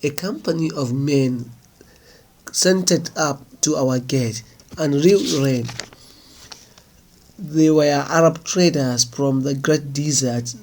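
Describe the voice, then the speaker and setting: Slow-reading male storyteller. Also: medium pitch. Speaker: narrator.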